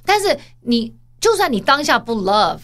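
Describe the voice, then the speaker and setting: A woman with a slightly high voice talks in a relaxed podcast chat. She mixes in English phrases and gets animated when she acts out what people say. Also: moderate pace. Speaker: podcast co-host. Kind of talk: casual chat.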